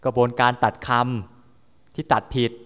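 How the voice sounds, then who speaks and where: A man, a university lecturer, explaining a technical topic to a class, often checking understanding with tag questions. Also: unhurried. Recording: long lecture-hall reverb.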